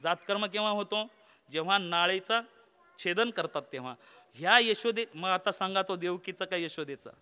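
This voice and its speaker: A man's voice: sits high, normal speed, sharp tone, clean tone. A man preaching a comic devotional kirtan sermon, telling the story theatrically, quizzing the audience and breaking into song. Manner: asks the audience questions.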